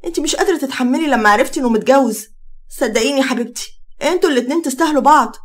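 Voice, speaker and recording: Lady playing a soft-spoken egyptian mom, coaxing and kind, high and quick. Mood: soothing. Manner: soothing, coaxing. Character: caring middle-aged mother, gentle and reassuring.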